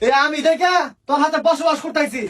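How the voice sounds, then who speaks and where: A man playing a loud, short-tempered village husband and father, gruff and shouting. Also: very high voice, steady tone, a little fast. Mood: angry. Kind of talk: comedy skit acting.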